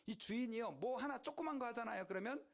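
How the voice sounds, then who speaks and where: A man's voice: very high voice, fast, vocal fry. A male pastor preaching a sermon, telling stories animatedly and calling out to his congregation. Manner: animated, exclamatory storytelling to the congregation.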